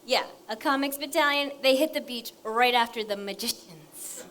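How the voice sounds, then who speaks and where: An actress on stage playing a young woman dancer who talks straight out with dry, deadpan quips. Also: a little high, moderate pace, natural voice. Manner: deadpan, plain-spoken quips. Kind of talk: stage play acting.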